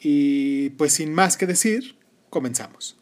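A man with a slightly high-pitched voice hosts a history podcast. He reads narration and speaks informally to his listeners. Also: animated, slow pace. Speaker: podcast host. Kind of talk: history podcast, partly read narration with casual asides.

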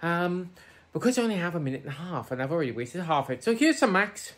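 Holding her phone at arm's length, a middle-aged viewer contributor shows off her indoor room crammed with old computers in a casual, jokey, self-deprecating tour. She talks fast in a lowish, sing-song voice.

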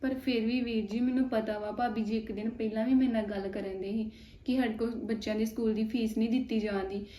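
A woman playing a meek young woman taken in by a family, speaking in a soft, humble, self-effacing way. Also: fairly high pitch, fairly even intonation, quick pace, natural voice. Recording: echoey, slightly dull, faint music.

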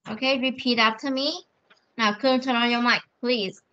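A woman teaching an online English class, drawing out model words slowly for pupils to repeat. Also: on the high side, fairly even intonation, pushed and bright. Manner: slow drawn-out model words for repetition, coaxing. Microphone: video call. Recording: lo-fi video call audio.

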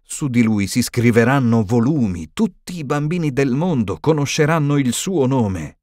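A man's voice: lively intonation, normal speed, a little mellow, dry recording, clean studio sound, natural voice. Man voicing McGonagall, a shaken stern old professor. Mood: indignant. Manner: higher, shaken and indignant. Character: stern elderly female professor, anxious, tremulous.

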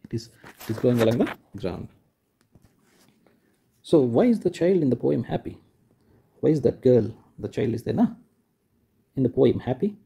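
Mellow, husky teacher. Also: male voice, medium pitch. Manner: repeats each point slowly and rephrases it for children; points and demonstrates with "like this". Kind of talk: explaining a school textbook lesson.

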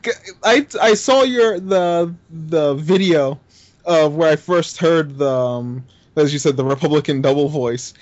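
Man, podcast co-host, fairly high voice, dry close sound, lo-fi, laughs a lot. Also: unhurried, no echo. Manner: laughs easily, enthusiastic fan. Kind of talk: casual podcast chat.

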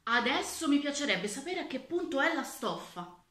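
A woman's voice: high-pitched, sing-song, normal speed, a bit bright, echoey room, voice pushed up. A woman voicing a vain, pompous male emperor in a children's story read aloud. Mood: musing.

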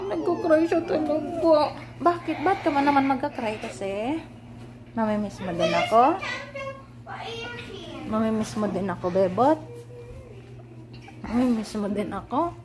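Brief: young woman vlogger from Iloilo, high, coaxing voice, noisy office room. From Iloilo, Philippines. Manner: coaxing and affectionate, mixing in English words. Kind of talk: casual home vlog chat. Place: office indoors.

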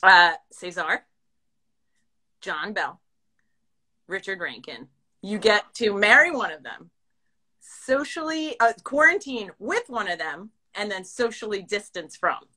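A woman hosts a phone live stream, her voice bright and forward. She keeps things upbeat while she reads viewer questions aloud. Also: mid-range voice, animated, a little slow, pauses often. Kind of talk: casual live-stream chat. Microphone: phone on a video live stream.

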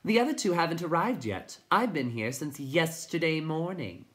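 A man's voice: a little high, expressive, moderate pace, a bit bright, voice pushed up. A man voicing a tiny, condescending male creature who talks in a chirpy, twittering way. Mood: smug.

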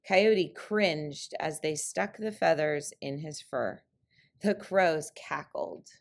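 A woman reading a trickster tale picture book aloud as scripted narration, with deliberate, clearly phrased storytelling. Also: low-pitched.

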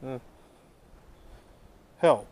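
Young male vlogger on a handheld camera outdoors at night, excitable and questioning, faint hiss behind. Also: very slow. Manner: excitable, loud reactions, asking questions to a ghost app. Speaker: ghost hunting vlogger. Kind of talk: casual night exploration vlog. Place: outdoors at night on old hospital grounds.

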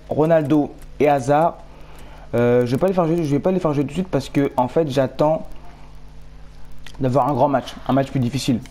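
Young man, casual gameplay commentary, rambling, self-correcting, mellow, mid pitch. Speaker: gaming YouTuber.

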